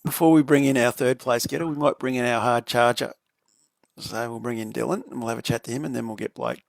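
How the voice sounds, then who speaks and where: Aussie bloke hosting a race stream, mid voice, dry close sound, chatty and laughing. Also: male voice, mid-range voice, steady tone, quick pace, vocal fry, no echo. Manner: easygoing, laughs often, slang like mate. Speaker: stream commentator interviewing drivers. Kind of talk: casual post-race chat.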